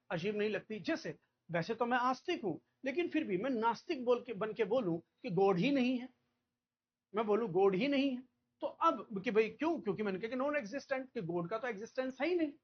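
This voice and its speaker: A man from India teaching a vocabulary lecture, repeating key words and checking understanding with quick questions. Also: very high voice, slightly rough, lo-fi sound.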